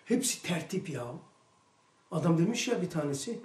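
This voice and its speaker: A man's voice: on the high side, moderate pace. Religious study teacher, man, emphatic storyteller; roomy, distant recording. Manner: animated storytelling, emphatic outbursts. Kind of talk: religious lesson talk. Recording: echoey room, mic far off.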